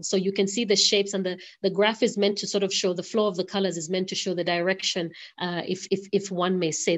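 Hesitant woman lecturing over a dull call. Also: on the low side. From Zambia. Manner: hesitant, many fillers and restarts. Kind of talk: online lecture. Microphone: video call. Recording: lo-fi video call audio.

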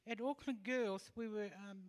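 A woman in her fifties from Tonga, talking as a guest in an on-stage interview, halting and full of fillers, holding a handheld mic. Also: fairly high pitch. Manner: hesitant, halting with many fillers. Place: large hall with stage and audience. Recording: long hall reverb.

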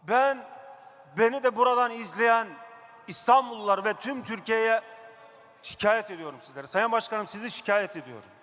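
A man addresses a council from a pulpit microphone, his voice high and sharp-edged. He speaks emphatically and repeats his key phrases for weight. A long reverb trails his words through the hall. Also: moderate pace. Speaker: district mayor. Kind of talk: council chamber speech. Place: council chamber.

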